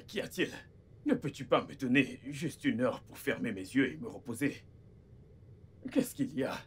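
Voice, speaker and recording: A man's voice: medium pitch, husky, exaggerated voice. A man dubbing a film in French as an impatient, irritable man who grudgingly looks after his sick partner and scolds her. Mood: irritated. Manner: exasperated, scolding. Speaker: dub actor.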